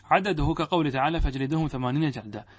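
A middle-aged man teaches a grammar lesson as a sheikh, and his voice sits somewhat higher than most men's. He reads a passage aloud, then works through it in plain classroom commentary. He keeps checking that his students follow with short rhetorical questions. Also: rapid-fire. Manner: quizzes listeners with rhetorical questions; reads verse and text aloud, then explains it.

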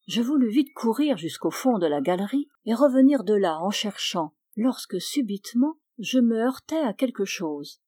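French woman reading a novel aloud, calm and measured, dry close mic. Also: medium pitch, no room sound. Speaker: audiobook reader. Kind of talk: literary audiobook narration.

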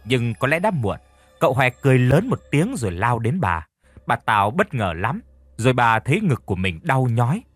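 A man narrating a horror story in a dramatic, expressive storytelling manner. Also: mid-range voice, normal speed, no echo.

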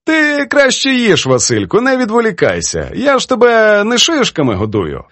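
A man voicing a merry elderly woman children's poet who teases and mocks her editor. He reads it in a high, lively voice. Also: moderate pace, dry recording. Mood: teasing. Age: older. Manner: teasing, laughs easily.

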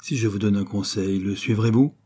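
A man reading an audiobook, voicing a cunning young adventurer who poses as a count and speaks in a measured, coaxing, confiding way. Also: on the low side, fairly even intonation, dark tone, breathy edge. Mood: persuasive.

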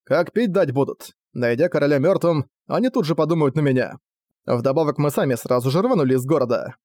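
A man's voice: a little high, animated, brisk, darkish tone, dry recording, natural voice. Guy doing a smug young prince, breezy, mocking, dry close voice. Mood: flippant. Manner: casual, mocking. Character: young male prince, cool, cunning and flippant.

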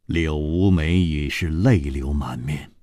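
A man narrating a martial-arts novel as a radio storyteller, with a dramatic, highly varied delivery. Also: takes it slowly, mellow, dry recording.

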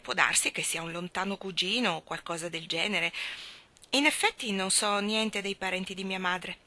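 A woman's voice: on the low side, sharp tone. A woman reading the lines of a wry, self-mocking young man in an audiobook.

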